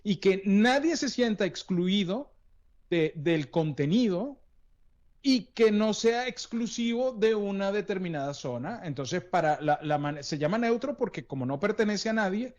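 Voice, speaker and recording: A man's voice: high voice, animated, a little slow, darkish tone. A man who works as a voice coach, explaining things and telling stories in an interview, with frequent restarts. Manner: explanatory, anecdotal, many restarts. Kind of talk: interview conversation. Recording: dull lo-fi sound.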